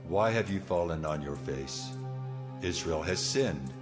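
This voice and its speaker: A deep, stern voice of God, speaks with solemn authority. The delivery is measured scripture drama. Music swells clearly behind the words. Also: male voice, lively intonation. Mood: stern rebuke. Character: God, stern and commanding divine male voice. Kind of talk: dramatized Bible audio acting. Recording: loud musical score behind.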